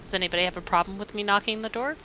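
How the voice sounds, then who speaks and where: A woman's voice: medium pitch, racing, pushed and bright, slight background noise, rough recording. A woman playing a tabletop game, chatty and eager, with a laugh now and then. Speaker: player. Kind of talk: casual tabletop play.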